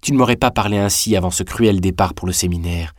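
A man's voice: low voice, fast talker, no echo, studio quality, natural voice. A man reading aloud, voicing a calculating young man who speaks firmly and resolutely. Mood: tender.

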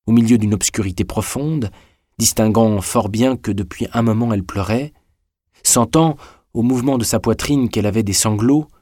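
Low-voiced man reading a novel. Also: darkish tone, no room sound, studio quality. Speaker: audiobook reader. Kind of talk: scripted audiobook narration.

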